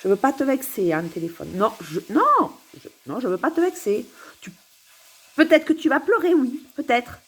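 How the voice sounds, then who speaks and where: A woman talks to camera at home in a musing, meandering monologue that keeps circling back on itself. Her voice is somewhat husky and a little high, and it swings widely in pitch as she goes. She giggles now and then, and faint frying sounds sizzle in the background. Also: sing-song, normal speed. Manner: musing, giggly, repeats herself. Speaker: vlogger. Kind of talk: rambling philosophical monologue to camera.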